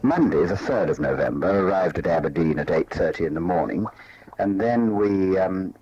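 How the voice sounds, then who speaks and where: A man with a husky voice dictating a diary entry, halting with many pauses and fillers, heard from a worn tape copy. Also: deep voice, lively intonation, a little mellow, muffled recording, a little hiss or hum. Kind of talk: spoken diary recording.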